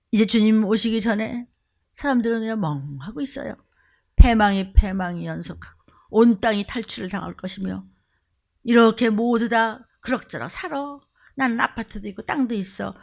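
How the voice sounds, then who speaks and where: Fervent woman preacher with gravelly voice. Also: medium pitch, normal speed. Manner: fervent, swings between shouting and hushed whispers. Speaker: pastor. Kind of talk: impassioned sermon. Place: church sanctuary.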